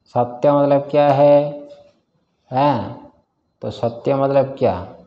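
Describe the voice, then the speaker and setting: Guy with teaching scripture, slow and mellow, dull lo-fi recording. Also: medium pitch. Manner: slow, questioning students often, chuckles. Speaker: Vedanta teacher. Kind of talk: informal scripture class.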